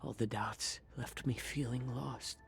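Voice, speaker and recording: An actor playing a calm, weary fox healer in a video game, speaking slowly and reflectively. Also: male voice, mid-range voice, slight background noise, natural voice. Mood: brooding. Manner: slow, quiet, reflective.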